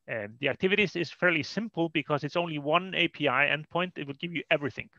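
Fast and on the high side, this man's voice sounds pushed and bright, with no room sound in the dull lo-fi call audio. He's an Icelandic-accented data consultant presenting informally at an online meetup from indoors, explaining technical matters and repeating "you know."

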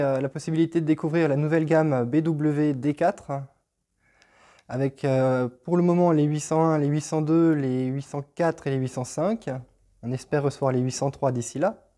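A man's voice: on the high side, dark tone. A man in his thirties presenting his shop's open house, reading off long lists of brands with many hesitations, in a showroom. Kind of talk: casual presentation to camera. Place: hi-fi showroom with stone walls, indoors.

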